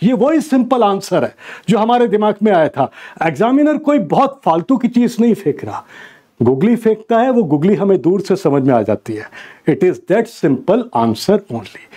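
A middle-aged male lecturer with a North Indian accent and an animated, mellow delivery. He teaches in a didactic way, hammering key phrases through repetition and slipping between English and Hindi. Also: sits high. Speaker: medical exam lecturer. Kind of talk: exam-prep lecture. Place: indoor studio in front of a slide screen.

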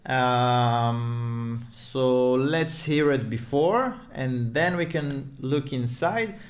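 A man's voice: medium pitch, very slow. A man introducing a music tutorial in a loose, chatty way, his voice carrying a big hall-like echo from an untreated home studio. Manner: loose, chatty, searching for words. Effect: strong room reverb like a big hall echo. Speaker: music producer and tutorial host. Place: new home studio without acoustic treatment, echoey room. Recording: reverberant untreated room.

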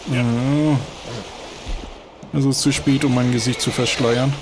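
A man's voice: mid-range voice, steady tone, takes it slowly, noisy background. A man giving casual gameplay commentary as a let's play host, chatty and talking to the horses, with bursts of frustrated cursing. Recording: game sounds of horses and hooves loud behind. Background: game audio with horse hooves.

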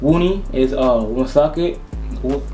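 A man's voice: medium pitch, a little slow, dark tone. A young man chatting casually to camera in heavy slang, peppering his talk with bro, yo and like. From Rhode Island, United States. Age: young adult. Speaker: vlogger. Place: indoors, home room. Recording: echoey room, music behind.

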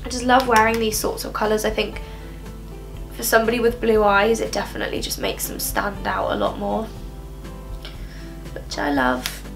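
A young adult beauty vlogger chats casually through a makeup tutorial in her bedroom, rambling with plenty of "um" and sounding a little nasal from a cold. Her mid-range voice is animated, at a moderate pace with long pauses, over music, and the camera sits close in front of her.

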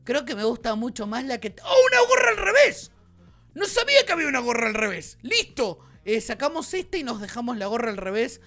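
A woman with a Rioplatense Argentine accent giving excited gameplay commentary as a channel host, bubbly and quick to shriek and laugh. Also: on the high side. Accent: Rioplatense Argentine Spanish.

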